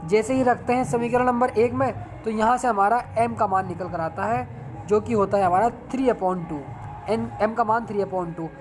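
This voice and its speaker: A man's voice: high voice, steady tone, normal speed, noisy background. A man teaching a math lesson step by step, repeating phrases and often checking in with his viewers. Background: background music.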